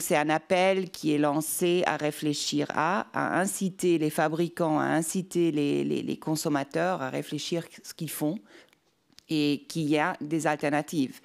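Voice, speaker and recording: Low-voiced woman speaking very deliberately. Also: creaky, darkish tone. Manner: deliberate, hesitant, repeats words while formulating. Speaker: panel speaker. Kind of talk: unscripted round-table discussion.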